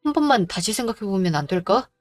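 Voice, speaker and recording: A woman voicing a gentle, earnest young man in a drama, speaking apologetically to his fiancée. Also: medium pitch, very animated, quick pace, soft background music, natural voice. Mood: pleading. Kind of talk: Korean audio drama acting.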